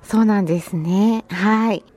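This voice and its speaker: A woman's voice: medium pitch, unhurried, darkish tone. A woman hosting a radio interview show, formal, courteous and encouraging as she asks her guest questions. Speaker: radio host.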